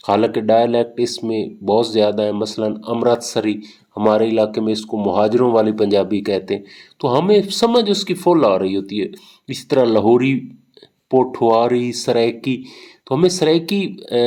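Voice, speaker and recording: A male lecturer from Pakistan with a mid-range, dark-toned voice explains linguistics in a recorded lecture. His delivery is patient, drawing on everyday examples and full of hesitation fillers.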